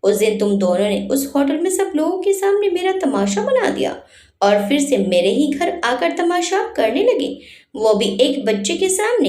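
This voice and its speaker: Brief: woman narrator as a young mother, gentle with her child, sharp with grown men, high lively voice, roomy echo. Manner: scolding. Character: young mother, tender to her son, fierce when crossed.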